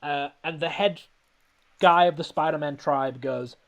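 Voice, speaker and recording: A man's voice: on the high side, a little slow, gravelly, lo-fi sound. A man hosting a podcast, rambling and laughing as he recaps a film in casual comedic chat. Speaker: podcast host.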